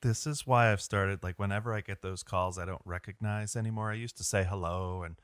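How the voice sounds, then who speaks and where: A man's voice: on the low side, fairly even intonation, fairly quick, fairly bright tone, clear, resonant tone, dry recording, clean studio sound. Joking man co-hosting a podcast. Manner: joking, asks leading questions. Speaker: podcast co-host. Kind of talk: casual conversational discussion.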